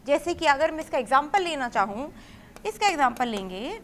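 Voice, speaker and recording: A woman with a high voice teaches English vocabulary for exam preparation, explaining each word step by step. She asks questions and answers them herself, and reads English example sentences slowly. A faint noise sits behind her voice. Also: very animated, fairly bright tone. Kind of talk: vocabulary lesson for exam students.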